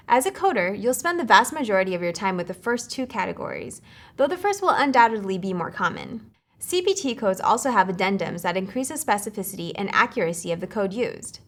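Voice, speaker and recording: A woman reading scripted educational narration for a course, measured and clear, slowing down to spell out acronyms. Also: medium pitch.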